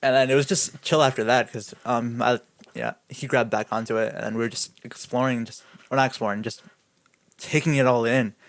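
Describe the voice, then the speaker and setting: A man's voice: mid-range voice, fairly even intonation, brisk, no echo. A young man co-hosting a podcast, telling a story in a casual way, laughing often and saying "like" a lot. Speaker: podcast co-host. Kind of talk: casual chat.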